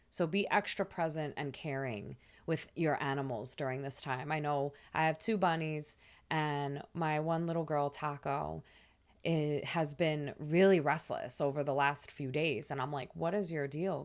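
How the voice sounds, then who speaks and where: Soft-spoken low-voiced woman. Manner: soft, soothing, with casual fillers. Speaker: spiritual astrology channel host. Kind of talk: gentle spiritual talk to camera.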